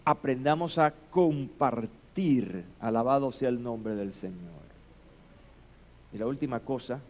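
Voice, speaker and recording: A man preaching a sermon as pastor, building to shouted emphasis and rhetorical questions. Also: mid-range voice, unhurried.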